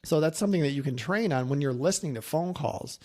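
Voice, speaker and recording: Speaking fast with a warm, animated tone and a slightly high voice, a male insurance agency coach and presenter chats to camera. His coaching talk is casual and anecdotal, full of practical advice, and he performs the lines he quotes.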